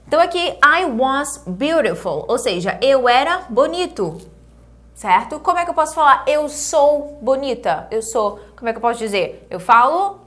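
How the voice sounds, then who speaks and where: A Brazilian woman teaches an online English grammar lesson in a slightly high voice. She explains patiently, asks questions and answers them herself. She says the English example words slowly and clearly. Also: fairly bright tone. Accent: Brazilian Portuguese.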